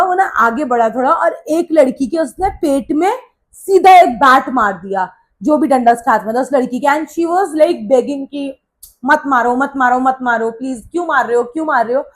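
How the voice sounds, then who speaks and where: A young woman vlogger telling a story in a casual, animated way, mixing Hindi with English phrases. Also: high-pitched.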